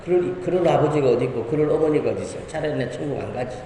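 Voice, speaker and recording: A man's voice: on the high side, rapid-fire, warm tone. A male pastor preaching a sermon to his congregation, impassioned and driving his points home with rhetorical questions. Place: church sanctuary. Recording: echoey church hall reverb, faint room noise.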